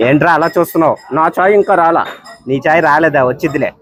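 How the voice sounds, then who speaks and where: A man bantering and teasing people at a tea stall, joking and exclaiming loudly. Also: on the high side, quick pace, no room sound. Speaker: vlogger. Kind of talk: playful street banter.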